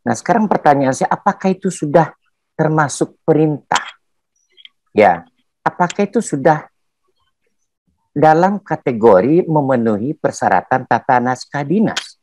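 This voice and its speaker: A man's voice: fairly high pitch, big pitch swings, unhurried, long pauses, darkish tone, no room sound. A man asks a long question in an online seminar, formal and hesitant, with frequent fillers. His intonation swings widely. The sound is dry, as on a video call. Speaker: seminar participant asking a question.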